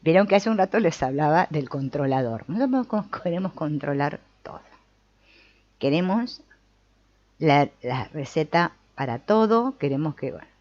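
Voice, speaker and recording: Woman spiritual teacher. Low, animated delivery. Dry, muffled recording. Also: moderate pace, no echo. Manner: expressive, asks listeners for agreement, laughs between points. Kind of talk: teaching talk.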